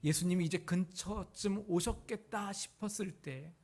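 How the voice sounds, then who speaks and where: A male pastor with a husky, slightly breathy voice that sits a little high for a man. He preaches a sermon as vivid storytelling and acts out the cries in the story. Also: normal speed, a little mellow.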